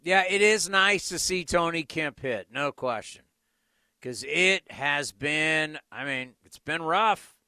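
Male sports talk host, slightly high and sharp voice, conversational and blunt, very dry studio sound. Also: lively intonation, takes it slowly, smooth, dry recording. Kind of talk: casual sports talk, commentary.

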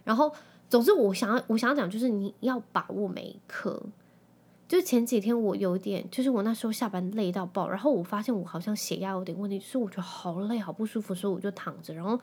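A woman in her thirties with a Taiwanese Mandarin accent, hosting a podcast in a chatty, animated way and dropping in English phrases. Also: mid-range voice, husky. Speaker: podcast host. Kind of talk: casual chat.

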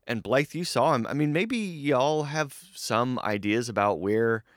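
A man's voice: medium pitch, lively intonation, measured pace, dry recording. Guy hosting a goofy trivia podcast, voice all over the place, super dry mic. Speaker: podcast host. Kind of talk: playful comedic banter.

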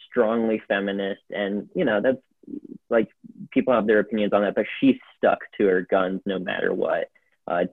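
Gravelly low man telling a story. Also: no echo. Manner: loose and rambling, heavy on fillers. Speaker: podcast guest. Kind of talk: casual storytelling. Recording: phone-like narrow sound.

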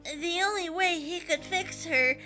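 Woman as a very high, tearful anime girl. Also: a little slow. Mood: bitter, despairing. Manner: generic anime girl voice, choked. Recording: music under the voice.

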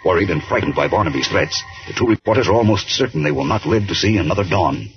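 A man's voice: low voice, animated, fast talker, muffled recording, faint music behind. A man narrating an old radio drama in a dramatic, suspenseful, scripted announcer style.

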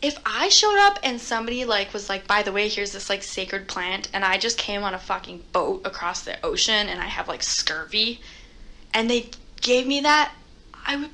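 A woman's voice: medium pitch, lively intonation, moderate pace, gravelly, pushed and bright. A young woman from Canada, co-hosting a podcast in casual chat, talkative and laughing often. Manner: chatty, laughs often, puts on quoted voices. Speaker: podcast co-host.

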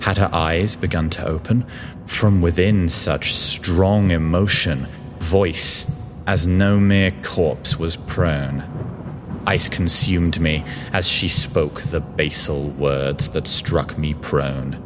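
Very deep, slow, solemn verse narrator man. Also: fairly even intonation. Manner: slow, solemn, rhythmic recitation. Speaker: narrator and author. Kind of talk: spooky verse storytelling. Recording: long reverb with faint hiss.

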